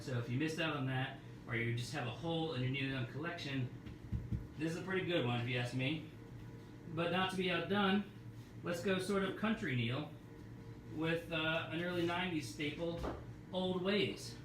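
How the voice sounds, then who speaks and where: A man hosting a live record-store showcase, pitching albums in a loose, joking, sometimes profane patter. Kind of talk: casual live product showcase. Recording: roomy, distant mic with faint noise.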